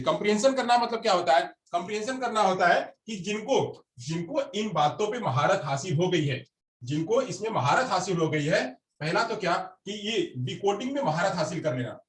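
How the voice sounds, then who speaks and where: High-voiced man lecturing a class. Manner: repeats phrases, quizzes the class. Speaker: teacher. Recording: roomy classroom recorded from a distance.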